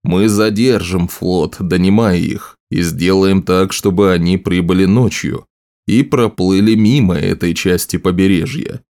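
Showman nobleman, read by a man: low, mellow, unhurried, self-assured. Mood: scheming. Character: theatrical scheming male nobleman, showman. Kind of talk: audiobook role reading.

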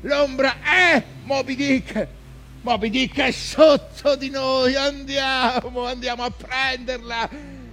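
An actor playing an obsessed, scarred old whaling captain in a declamatory theatrical stage monologue. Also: male voice, extremely high pitch, fairly even intonation, takes it slowly, faint music behind, exaggerated voice. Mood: feverish, exultant. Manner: declamatory, swinging from hushed brooding to shouted commands.

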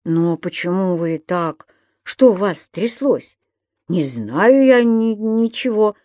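A woman's voice: on the low side, slow pace, darkish tone, dry recording. Woman doing a flustered stammering lodger. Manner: stammering, hesitant. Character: timid flustered grown man, a lodger.

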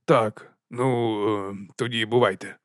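A man voicing a gloomy, curt middle-aged watch captain in an audiobook, speaking slowly. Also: on the low side, steady tone, no echo, studio quality. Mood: awkward. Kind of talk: audiobook character voice.

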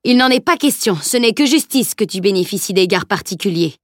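A woman's voice: medium pitch, animated, a little fast, dry recording, clean studio sound, natural voice. A woman reading the lines of a boisterous, hearty giant of a knight. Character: boisterous huge male knight.

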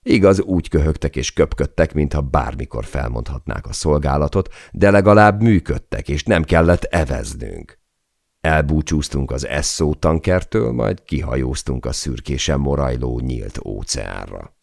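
A man narrates an audiobook in a steady, dramatic manner. His voice sits extremely low with a gravelly texture. The recording is dry and close with no room sound. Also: dry recording. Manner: measured, dramatic storytelling.

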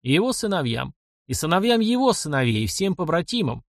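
Cruel old steppe chieftain, man doing the voice, slow growling commands, raised voice, dry sound. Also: a little high, big pitch swings, dry recording, pitched above the performer's own voice. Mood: cold menace. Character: old scarred vengeful nomad chieftain, cruel.

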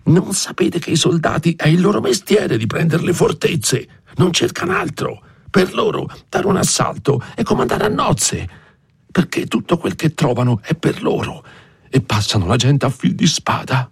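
A man voicing a frightened, fussy old village priest who scolds in a hushed voice. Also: lowish voice, very animated, moderate pace, breathy edge, no room sound, clean studio sound, voice pushed up, exaggerated voice. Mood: fearful scolding.

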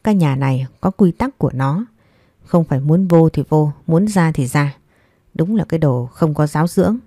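A woman's voice: low voice, expressive, normal speed, warm tone, no echo, clean studio sound. Woman voicing a scolding stingy old mother-in-law. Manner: harsh, nagging, contemptuous.

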